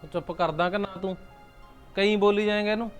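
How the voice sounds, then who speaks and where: A man's voice: high voice, steady tone, soft background music, lightly acted. An actor playing a short-tempered young husband scolding his relatives in a family drama. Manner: quick, scolding.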